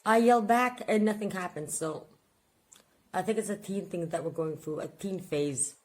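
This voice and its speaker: A woman's voice: lowish voice, moderate pace. A woman in her forties, a vlogger chatting casually at home and jumping from one subject to the next. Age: 40s. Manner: rambling, chatty, jumps between subjects. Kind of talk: casual vlog chat.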